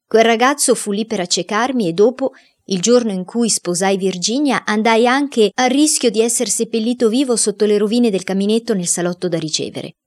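A woman's voice: on the high side, brisk, hardly any pauses, close to an everyday voice. A woman doing an eloquent lawyer pleading. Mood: persuading. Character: persuasive good-hearted male lawyer.

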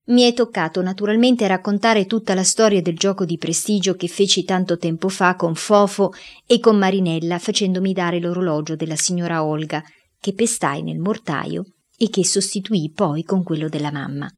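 A woman narrating a children's diary story aloud with a measured, expressive reading. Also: on the low side.

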